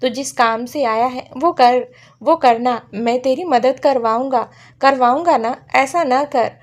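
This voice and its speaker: A woman's voice: sits high, unhurried. Woman voicing a blustering rustic village headman. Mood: pleading. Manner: rustic village speech, pleading then scheming.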